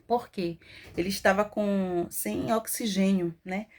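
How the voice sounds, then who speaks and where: A woman, telling her own testimony as a mother with emotional, animated storytelling. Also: mid-range voice, a little slow, a little hiss or hum. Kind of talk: personal testimony vlog.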